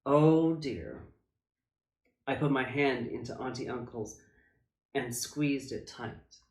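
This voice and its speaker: A man reading a children's picture book aloud as a drag storytime reader, with theatrical, emphatic phrasing and dramatic pauses. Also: mid-range voice, steady tone. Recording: echoey room.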